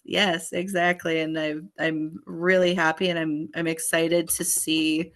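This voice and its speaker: A woman in her thirties, a podcast guest, chatting upbeat and rambling, her voice going hoarse. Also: low voice, level tone, unhurried, a bit bright. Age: 30s. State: hoarse, voice failing. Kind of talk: casual chat.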